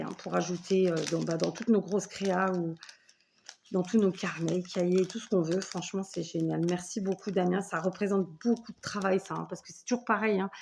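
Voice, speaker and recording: An enthusiastic woman in her forties chats through a home scrapbooking video, her pitch sitting in an ordinary middle range. She talks in a warm, effusive, rambling way, full of thanks and little asides. A faint hiss of background noise sits under the voice. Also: vocal fry. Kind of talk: casual unboxing chat.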